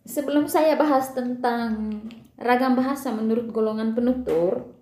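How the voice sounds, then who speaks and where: A woman teacher giving a recorded lesson to students, explaining patiently, asking them questions and pausing on fillers. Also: fairly high pitch, dark tone, roomy sound, slight background noise.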